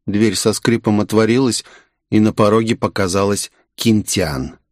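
Low-voiced man narrating an audiobook. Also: moderate pace, no room sound, studio quality. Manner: wry, expressive storytelling. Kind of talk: first-person audiobook narration.

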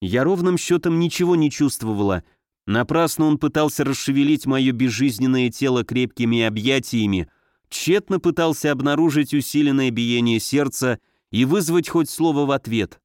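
A man narrating a first-person story in a steady, measured reading, on a close studio mic. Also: medium pitch, dry recording. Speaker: audiobook reader.

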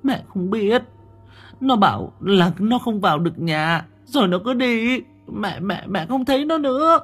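Male narrator doing a worried old village mother, stammering and pleading, pitched high and husky, faint music under. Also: big pitch swings, moderate pace. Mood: flustered. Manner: pleading, calling out, stammering repeats. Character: elderly village mother, frail and anxious.

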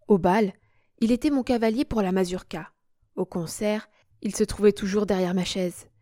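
A woman narrating a literary story as an audiobook, in a measured, expressive reading. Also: mid-range voice, no echo, studio quality. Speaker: audiobook reader.

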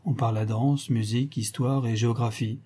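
A man narrating a classic novel as an audiobook in an even, measured storytelling manner. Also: medium pitch, slightly rough. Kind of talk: literary audiobook reading.

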